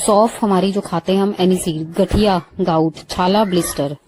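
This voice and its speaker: A woman's voice: on the low side, fairly even intonation, a little mellow, slight background noise. Indian woman teaching English words. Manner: lists words quickly, says English phrases slowly and clearly. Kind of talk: vocabulary lesson for Hindi speakers.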